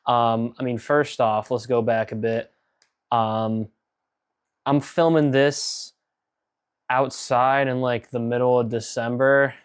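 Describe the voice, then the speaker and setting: Man, casual commentary, slow-paced, rambling, self-critical, filler-heavy. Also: medium pitch, steady tone, clean tone. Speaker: YouTuber giving commentary on his own old video.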